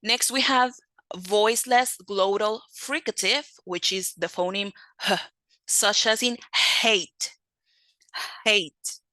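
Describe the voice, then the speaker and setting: A woman's voice: mid-range voice, slow pace, sharp tone, no echo, poor audio. A woman teaching a phonetics lesson, listing sounds methodically and repeating each example word. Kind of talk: lecture.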